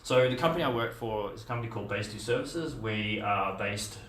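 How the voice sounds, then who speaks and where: A middle-aged Australian man gives a conversational meetup conference talk, restarting and using fillers often. His voice is lowish, a bit bright, and fairly quick. The dim, echoey meetup room with a projector screen is captured by a distant camera mic, with slight background noise.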